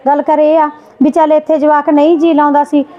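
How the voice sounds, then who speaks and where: A woman scolding her sister-in-law in a Punjabi family drama skit, indignant and quick. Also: high voice, little pitch movement, highs cut off.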